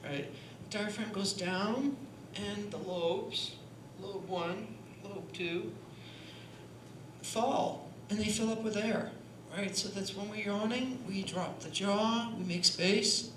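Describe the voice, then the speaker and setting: On a panel in a performance hall, a singer and voice teacher shows breathing techniques, chatting demonstratively and frequently saying "right?". Her mid-range voice moves at a slow pace, recorded in an echoey room with constant noise.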